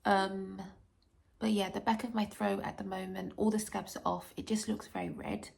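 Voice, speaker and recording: A woman speaks casually to her vlog viewers while recovering from tonsil surgery. Her throat is dry and sore, and her medium-pitched voice crackles with vocal fry. She talks haltingly, pausing often as she goes. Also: flat delivery, darkish tone. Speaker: vlogger. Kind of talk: casual personal health vlog.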